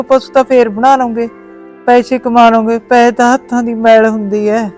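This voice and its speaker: A woman's voice: sits high, darkish tone, natural voice. A woman playing a grieving village mother-in-law. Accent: Malwai Punjabi. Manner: grieving, consoling, proverb-quoting. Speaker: actor in a village short film. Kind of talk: village family drama.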